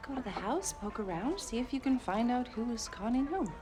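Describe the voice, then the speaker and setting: An actress playing a brisk, decisive female private detective in a period TV drama. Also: fairly high pitch, expressive, music in the background, natural voice.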